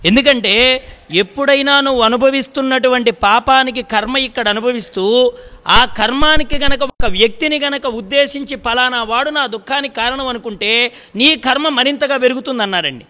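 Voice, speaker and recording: High-voiced Telugu man telling a folksy sermon story. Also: moderate pace, sharp tone, big-room sound. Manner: folksy storytelling, acts out village dialogue, addresses listeners politely. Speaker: religious discourse speaker. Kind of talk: devotional storytelling discourse. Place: discourse hall.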